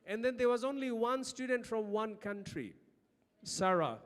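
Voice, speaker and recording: Man, Bangladeshi accent, high voice, emphatic lecturer, rhetorical questions, long hall reverb. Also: expressive, moderate pace. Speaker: academic conference speaker. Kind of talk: lecture-style conference presentation.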